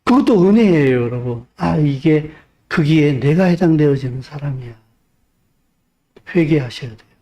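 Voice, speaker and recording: A male pastor preaching a sermon, pressing the congregation with rhetorical questions and swinging between loud urging and hushed speech. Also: on the high side, animated, normal speed, pauses often, muffled recording.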